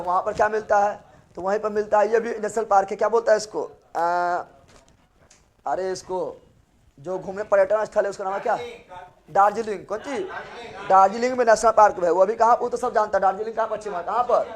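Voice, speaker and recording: A male teacher lecturing a classroom, loudly drilling facts through repetition and teasing the students. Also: sits high, fairly even intonation, a little fast, long pauses.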